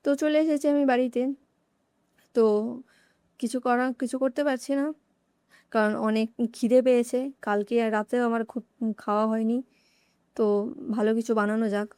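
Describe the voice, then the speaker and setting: A woman's voice: fairly high pitch, steady tone, a little fast, long pauses, a little mellow, clean tone, no room sound, clean studio sound. A woman, chatting casually to viewers in a vlog as she walks around her coaching centre holding a phone. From North Bengal, India. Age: late teens. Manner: chatty, talks straight to viewers, grumbles and jokes. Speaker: student vlogger.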